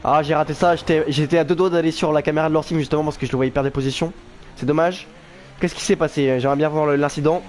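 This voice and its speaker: A man's voice: fairly high pitch, fairly even intonation, quick pace, soft background music. A man doing informal live motorsport commentary on an online race, reacting with exclamations and thinking aloud. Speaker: motorsport commentator for an online sim racing league. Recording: clear background noise.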